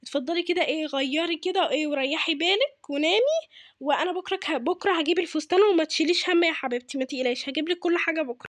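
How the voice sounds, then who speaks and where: A woman's voice: sits high, very fast, close to an everyday voice. A woman voicing a caring, fussy mother with an Egyptian accent, reassuring her daughter again and again in a game role-play. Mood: soothing. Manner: soothing, reassuring, repeats herself.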